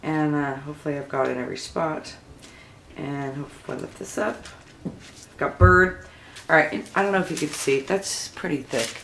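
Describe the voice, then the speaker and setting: A woman talking casually through a craft tutorial as she works, rambling and thinking aloud, with a low early-morning voice. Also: fairly even intonation, normal speed, fairly bright tone. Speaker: mixed-media craft tutorial host. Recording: echoey room, faint background noise.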